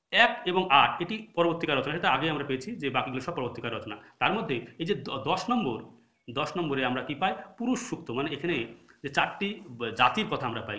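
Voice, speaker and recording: A man's voice: fairly high pitch, fairly bright tone, echoey room. A man with a Bengali accent teaching history for exam prep. He keeps asking rhetorical questions and answering them himself, and now and then corrects his own slips. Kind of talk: recorded lecture.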